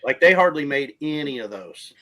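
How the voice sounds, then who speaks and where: A man's voice: fairly high pitch, animated, normal speed, a bit bright. A man chatting casually, plainspoken with hesitant restarts. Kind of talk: casual chat.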